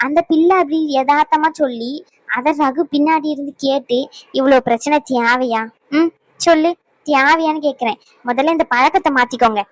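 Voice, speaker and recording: A woman's voice: high voice, no echo, lightly acted. A woman voicing a stern middle-aged mother-in-law who lectures and scolds her family in a cartoon drama. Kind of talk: Tamil cartoon drama voice acting.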